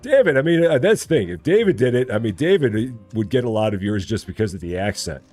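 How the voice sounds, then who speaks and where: This Midwest Illinois streamer, speaking with a General American accent, talks fast in a medium-pitched, darkish voice full of big pitch swings. He chats casually while playing on a live stream, repeating himself and teasing in fun, with soft music in the background.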